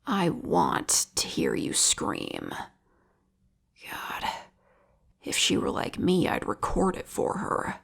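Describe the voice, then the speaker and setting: A woman voices an obsessed, lovelorn vigilante killer for an intimate audio roleplay, her whisper gravelly and low-leaning yet a bit bright. The pitch swoops wildly and the voice is exaggerated, slow and taunting, and the mood turns bitter and vengeful.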